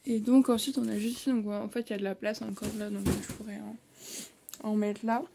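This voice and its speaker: A woman's voice: mid-range voice, little pitch movement, brisk, vocal fry, noisy background. A young woman casually chatting at home on her phone, filling her sentences with hesitations. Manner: chatty, lots of hesitation fillers. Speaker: vlogger. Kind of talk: casual bookshelf tour.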